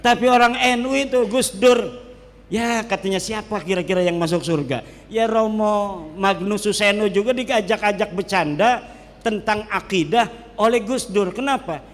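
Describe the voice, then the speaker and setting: A man from Banten, Indonesia, giving a religious lecture as an Islamic cleric, talking in a lively, joking way and switching between regional languages. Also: high voice, normal speed. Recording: hall reverb.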